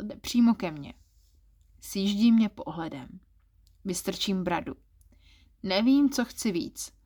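A woman narrates a first-person erotic story in a soft, intimate voice. Her pitch sits in the middle, and she sounds a little flustered and self-conscious as she reads. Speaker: story reader.

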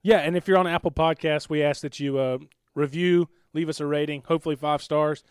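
A man's voice: a little high, steady tone, a little fast, clear, resonant tone, dry recording. Chatty male podcast host, clean resonant voice, close dry mic. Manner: upbeat, chatty, laughs easily. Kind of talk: casual podcast chat. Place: studio.

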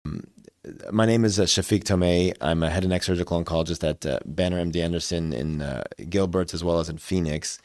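Male doctor, early forties, low voice, hesitant conversational answers, dry recording. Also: a little mellow, no echo. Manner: halting, hesitant phrasing. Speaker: interview guest, surgical oncologist.

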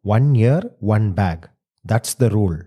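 A man with a lowish, expressive voice and a South Indian accent speaks slowly, a crowd audible behind him. He's a host and storyteller doing scripted storytelling and playful family dialogue, mixing Tamil words into Indian English phrasing.

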